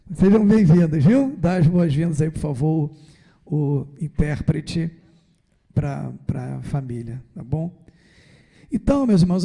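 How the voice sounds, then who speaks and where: Man, priest, homily, high-pitched, dark mellow tone, conversational, plays out little dialogues. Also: vocal fry. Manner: conversational, acts out dialogue with Jesus. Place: church.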